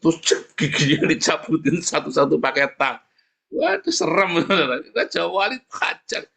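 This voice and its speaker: A man preaching a lively sermon, often calling out to the congregation, his voice leaping up in pitch for emphasis. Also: normal speed, creaky, slightly rough. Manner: often addresses the congregation as "saudara". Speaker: pastor.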